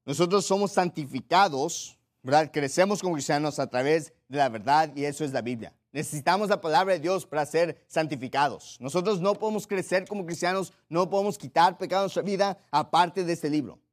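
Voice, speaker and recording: A man preaching with a fairly high voice. He drives his points home by repeating key phrases and slowing down when he stresses a verse. He keeps turning to his listeners with rhetorical questions. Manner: emphatic, repeats key phrases, slows down for scripture. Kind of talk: sermon.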